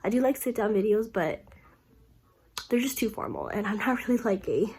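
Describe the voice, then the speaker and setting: A young woman talks casually in a reading vlog, her voice nasal and stuffed up from being sick. She rambles along with plenty of "like"s and loose restarts at an ordinary middle pitch. She is recording at home. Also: sing-song, normal speed, darkish tone, slightly rough. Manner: rambling, filler-heavy talk with many "like"s. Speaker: book vlogger.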